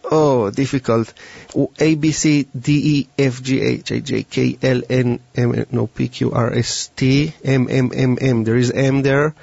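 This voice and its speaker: A man's voice: mid-range voice, steady tone, gravelly, darkish tone, no echo. Israeli-accented man, dull dry recording. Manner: halting, non-native English phrasing. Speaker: mentalist performer. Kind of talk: mind-reading demonstration, talking to a volunteer.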